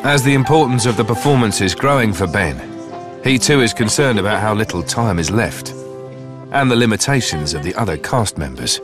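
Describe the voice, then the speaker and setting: Male documentary narrator over clear music. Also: lowish voice, expressive, fairly quick.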